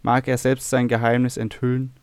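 A man's voice: mid-range voice, monotone, moderate pace, darkish tone, smooth, no room sound, lightly acted. A man voicing a cheerful, eager older nobleman. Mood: joyful.

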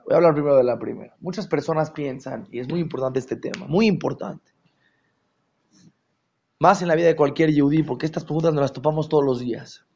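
A man giving a Torah class as a religious teacher, animated and rhetorical, often checking that his listeners follow. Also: a little high, fairly quick, creaky, highs cut off.

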